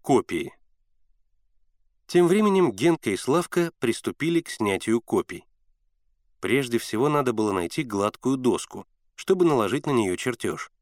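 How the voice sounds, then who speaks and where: A man reading a children's novel aloud as an expressive audiobook narrator. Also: medium pitch, moderate pace, dry recording, clean studio sound. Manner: expressive, animated storytelling.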